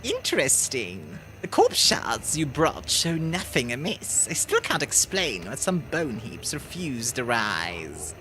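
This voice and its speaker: A woman reading out the lines of a cold scholar of undeath from a video game, in a slow, measured way. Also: very deep voice, huge pitch swings, fairly bright tone, slight background noise, heavily acted. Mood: ominous. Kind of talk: reading game dialogue aloud. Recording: game music behind the voice.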